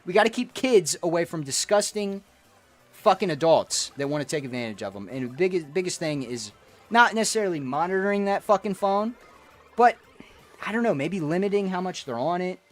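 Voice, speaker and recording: A high-pitched, animated man keeps a brisk pace while streaming a game. He chats with his audience in a rambling, ranting way, cursing freely.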